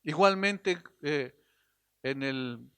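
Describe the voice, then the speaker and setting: A man preaching a sermon as a pastor, earnest, swinging between emphatic lines and hushed drops, sometimes repeating and restarting phrases. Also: on the high side, extremely slow, clean tone, no room sound.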